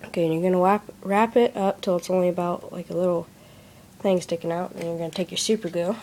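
Talking fast in a lowish, mellow, steady voice, a craft demonstrator explains a how-to step by step. She sits at a desk in a small room, filmed on a handheld phone, and a little hiss or hum is audible.

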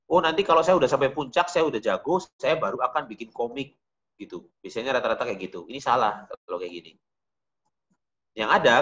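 A man's voice: medium pitch, fairly bright tone, muffled recording. A man teaching a beginner digital painting class, talking casually and directly to his students. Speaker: art teacher.

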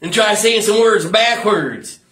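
A man's voice: sits high, measured pace, a bit bright, far from the mic. A man preaching an informal sermon as pastor, repeating phrases and breaking off into asides. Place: church. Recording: echoey room, mic from afar.

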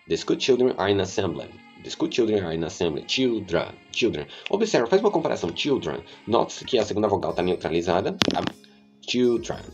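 Male teacher, lowish voice, patient and repetitive, lo-fi sound with faint music. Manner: patient, repeats words slowly, checks in with "tá?". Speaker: English teacher. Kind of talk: pronunciation lesson.

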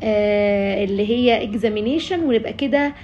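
Fast-talking young Egyptian woman tutor. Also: medium pitch, darkish tone, dull audio, slight background noise. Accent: Egyptian Arabic. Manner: mixes English medical terms into her talk, with frequent fillers. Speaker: physiotherapy tutor. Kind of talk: explaining a study sheet.

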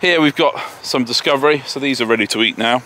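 An English-accented man talks his way around his garden and orchard in a relaxed, self-deprecating ramble. His voice is bright and forward. Faint tractor noise hums in the background outdoors. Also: mid-range voice, fast. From England. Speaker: homesteader vlogger. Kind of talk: casual walk-and-talk tour. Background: distant tractors and farm vehicles.

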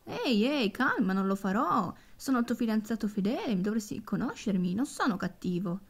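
A woman's voice: medium pitch, sing-song, a little fast, breathy edge. A woman voicing a young man, a loyal but disbelieving boyfriend who jokes things off. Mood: reassuring. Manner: disbelieving, joking.

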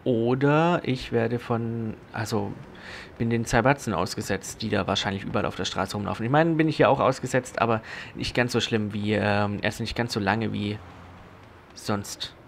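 A young man giving casual, rambling commentary as he plays a video game, talking to himself and breaking into sudden loud exclamations. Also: on the low side, normal speed, gravelly, slight background noise. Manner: chatty self-talk with sudden loud exclamations. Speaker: let's play host.

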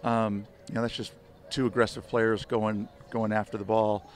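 Older male coach, even monotone delivery, rambling postgame answers into handheld mics outdoors. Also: on the low side, normal speed, a little hiss or hum. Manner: rambling, many restarts and "you know" fillers. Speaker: head soccer coach. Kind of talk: postgame media interview. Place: outdoor stadium field at night. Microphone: handheld reporter mics held close.

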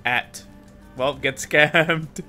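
A man's voice: fairly high pitch, steady tone, extremely slow, sharp tone, faint music behind. A man hosting a gaming stream, reacting with crude jokes and swearing. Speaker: streamer host. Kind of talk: casual gaming stream chat.

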